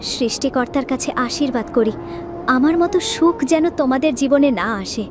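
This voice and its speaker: A woman voicing a gentle, plaintive, downtrodden young village wife in a cartoon fairy tale. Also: high-pitched, moderate pace, noisy background, close to an everyday voice. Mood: bitter, sad. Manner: plaintive, tender.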